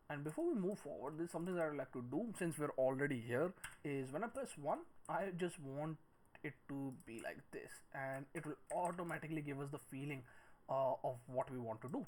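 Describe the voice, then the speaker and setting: A 3D modelling instructor with a higher, darkish voice gives a laid-back screen-recorded tutorial on a rough recording. Working along, he describes each step and mutters counts and shortcuts, against clear background noise with typing and clicking.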